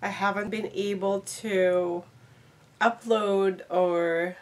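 In a slow, mid-range voice with fairly even intonation, a middle-aged vlogger shows off the contents of an unboxing to viewers in a casual chat. She sounds a little congested while getting over flu, speaking from a small room in her home.

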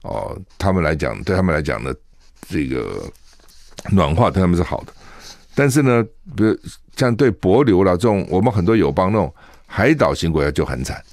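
Man, radio host, very low voice, lively swooping intonation, dry studio sound, emphatic chat. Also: fairly quick, no room sound. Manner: chatty and emphatic, with lots of rhetorical questions and filler particles. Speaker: radio talk show host. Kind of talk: solo commentary on current affairs.

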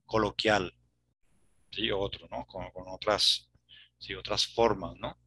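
A man's voice: fairly low pitch, fairly even intonation, slow, bright, forceful tone, slight background noise. A man with a Latin American Spanish accent teaching a Spanish class over a video call, explaining and often checking with "¿no?". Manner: tags sentences with "¿no?". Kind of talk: online class conversation.

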